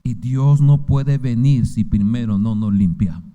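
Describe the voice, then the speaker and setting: Fervent Mexican pastor in a reverberant hall. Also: male voice, mid-range voice, measured pace, warm tone, lo-fi sound. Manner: fervent preaching with rhetorical questions. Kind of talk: sermon.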